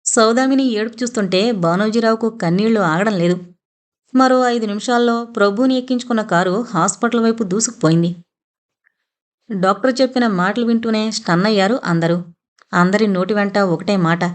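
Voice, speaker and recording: A woman narrating a dramatic audio novel in a steady reading voice. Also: medium pitch. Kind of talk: scripted storybook narration.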